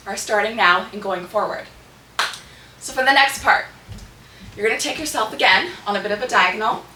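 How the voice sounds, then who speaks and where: In an echoey room with noticeable background noise, a slightly hoarse, medium-pitched woman is heard from a distance teaching a dance. She counts and calls out each move in short, clipped, rhythmic cues, her tone bright and forceful.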